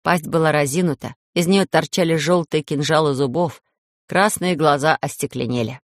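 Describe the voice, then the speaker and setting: A woman's voice: low-pitched, normal speed, no echo. A woman narrating a children's story expressively into a close mic. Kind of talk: audiobook narration.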